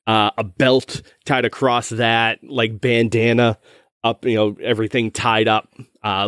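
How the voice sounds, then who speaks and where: A man runs a tabletop game as game master, describing scenes in a loose, rambling way. His voice sits at a middle pitch. The recording is dry and close. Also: a bit bright, smooth, dry recording. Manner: rambling, casual, many fillers and restarts.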